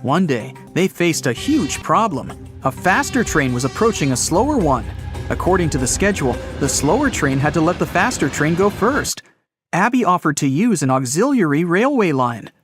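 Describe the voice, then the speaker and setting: Animated male riddle narrator. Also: on the high side, normal speed, over music. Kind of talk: scripted narration of riddle stories.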